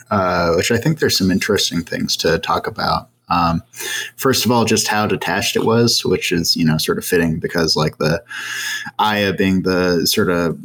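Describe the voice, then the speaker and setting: Male podcast panelist, low voice, hesitant conversational delivery, faint noise behind. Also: fairly bright tone. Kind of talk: casual book discussion. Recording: slight background noise.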